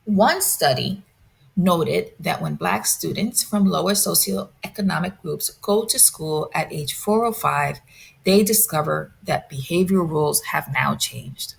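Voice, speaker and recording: A woman presenting a lecture, reading a prepared script in a measured, deliberate way. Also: on the low side, gravelly.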